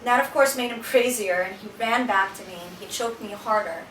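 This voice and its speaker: A woman's voice: mid-range voice, a little fast, fairly bright tone, a little hiss or hum. A woman giving a personal testimony talk in a small shelter, telling her story earnestly and often restarting her sentences. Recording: echoey room from a distance.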